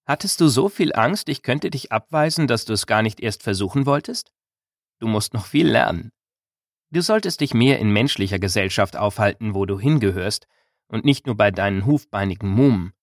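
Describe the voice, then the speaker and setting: A man's voice: lowish voice, animated, moderate pace, no room sound, clean studio sound. A man reading a German audiobook, voicing a bold, teasing young village girl with a raised, stern-then-coaxing voice.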